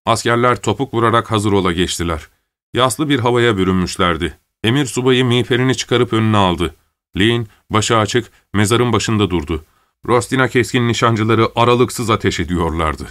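A man reading a war story aloud as narrator, steady and measured. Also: lowish voice, no echo.

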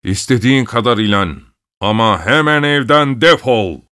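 A man's voice: mid-range voice, animated, normal speed, sharp tone, smooth, voice pushed up. A man voicing a cold, miserly old man who snaps harshly. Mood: furious. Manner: harsh, snapping.

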